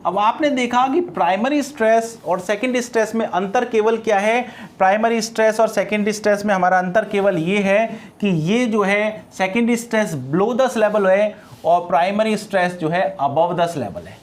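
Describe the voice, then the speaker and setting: A man's voice: high-pitched, moderate pace. A male teacher giving a classroom lecture on English phonetics. He mixes English terms into his explanation, repeats key terms and answers his own questions.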